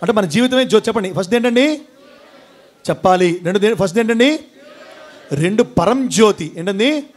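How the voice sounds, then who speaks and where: Addressing a gathering with fervor, a devotional speaker from India reels off lists of titles and repeatedly questions the audience, now and then erupting into chants and call-outs. His voice, high for a man, is animated and moderately paced, with long pauses.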